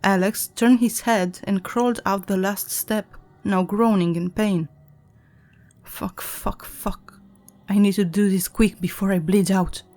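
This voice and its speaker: A woman narrating a horror story in a dramatic, measured storytelling manner. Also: medium pitch, darkish tone. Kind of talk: scripted narration.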